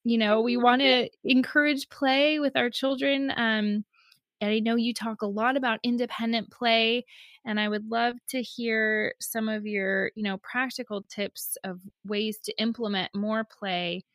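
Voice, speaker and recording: A woman's voice: a little high, fairly even intonation, a little slow, a bit bright, no room sound, studio quality. A woman hosting a parenting podcast, talking in a casual, hesitant way with many fillers and restarts. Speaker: podcast host. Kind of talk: casual interview chat.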